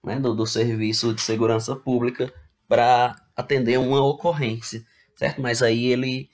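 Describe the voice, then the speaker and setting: A male teacher with a medium-pitched, darkish voice reads slide text aloud in an online class and then puts it into plain language. His delivery is flat and moderately paced, and he checks in casually with students through frequent "né?" and "tá bom?".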